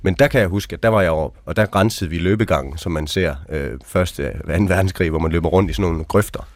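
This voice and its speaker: A man's voice: low voice, dry recording. A man, an army veteran, telling his experiences as an interview guest in a frank, conversational way, often tagging sentences with questioning asides. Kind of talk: casual storytelling.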